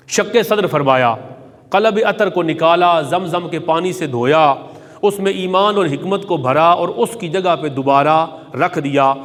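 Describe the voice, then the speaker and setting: A man's voice: high-pitched, in a large hall. A man preaching a Friday sermon, telling a sacred story reverently and reciting Arabic hadith.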